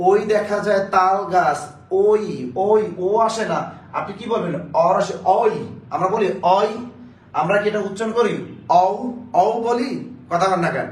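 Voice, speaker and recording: A man teaching a live online Bangla grammar class, urging viewers to answer quickly and drilling facts through repeated questions. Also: high-pitched. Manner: urgent, coaxing viewers to answer fast. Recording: roomy, distant mic, faint background noise.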